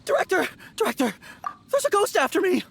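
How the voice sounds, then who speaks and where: Game rookie: jumpy young man, high voice, swooping with fright, stammering and polite, faint music behind. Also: very animated, brisk, vocal fry, fairly bright tone, slight background noise, heavily acted. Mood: panicked. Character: timid, easily terrified young male rookie undertaker. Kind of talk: animated video game voice acting.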